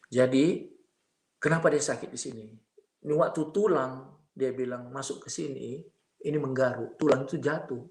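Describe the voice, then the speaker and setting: A man's voice: medium pitch, moderate pace, pauses often, a little mellow, reverberant. A man giving a spoken testimony, telling his story with feeling and often turning to address his listeners. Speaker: testimony speaker.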